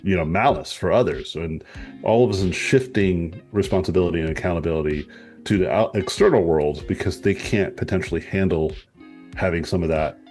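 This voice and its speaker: Man, lowish voice, rambling and reflective, casual swearing, faint music underneath. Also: brisk, a little mellow. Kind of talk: casual group discussion.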